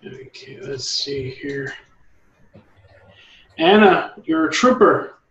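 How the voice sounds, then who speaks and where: A man critiques a drawing for an online art group, encouraging and quick to restart his sentences. His voice sits a bit high, and the recording is roomy and muffled. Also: expressive, fairly bright tone. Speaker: art instructor leading a meetup. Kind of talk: art critique, casual coaching.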